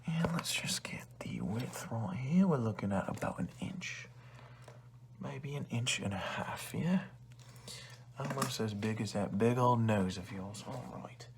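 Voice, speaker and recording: A man's voice: on the low side, a little slow, creaky, pauses often, background noise. A man playing a rude, condescending librarian who sells used books, in an ASMR role-play with chummy but insulting salesman-like patter. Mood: murmuring, measuring. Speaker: ASMR performer.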